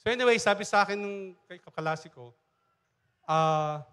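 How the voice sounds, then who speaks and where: Middle-aged male pastor with a higher voice, spinning anecdotes to the congregation. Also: unhurried, fairly bright tone, clear, resonant tone. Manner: chatty storytelling, acts out dialogue, many fillers and restarts. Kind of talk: conversational sermon with anecdotes. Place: church service.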